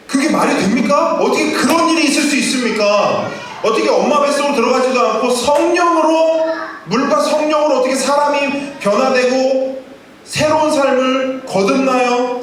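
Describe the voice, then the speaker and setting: A man's voice: extremely high pitch, moderate pace, fairly bright tone, slight background noise, pitched above the performer's own voice. A man voicing an astonished male Pharisee leader who questions with rising exclamations, recorded from far off in an echoey church hall. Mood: incredulous.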